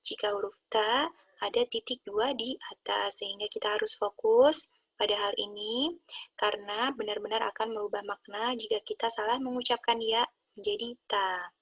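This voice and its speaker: A woman calmly explaining Quran recitation rules to her students. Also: mid-range voice, normal speed, breathy edge. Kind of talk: explaining a lesson.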